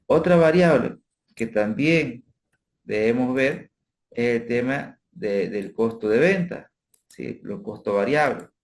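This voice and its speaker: Male instructor, mid pitch, patient explanatory delivery with frequent check-in questions; screen-recorded finance lesson. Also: slow. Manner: explanatory, addresses students as friends, frequent tag questions. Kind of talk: spreadsheet tutorial lecture.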